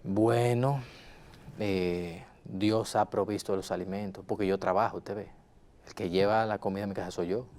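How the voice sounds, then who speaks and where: A man's voice: fairly low pitch, fairly even intonation, moderate pace, darkish tone, natural voice. A man playing an insistent hot-tempered husband. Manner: insistent, repeats himself, addresses counselor formally. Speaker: counseling client. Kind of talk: role-played counseling session.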